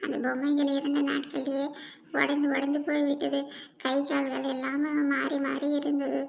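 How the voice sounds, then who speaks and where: A scheming female cartoon crow, voiced by a woman, who boasts about cheating her customers. Her voice is high and gravelly, and it is delivered with little pitch movement. The tone stays sly and self-satisfied. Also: completely flat delivery, moderate pace, noisy background.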